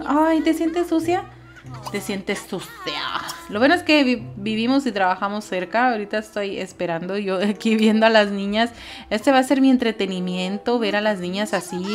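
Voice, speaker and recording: A woman's voice: mid-range voice, moderate pace. A woman, playing a life-simulation game and chatting casually to her viewers and to her game characters. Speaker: gaming YouTuber. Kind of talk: casual Let's Play commentary. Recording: game music behind.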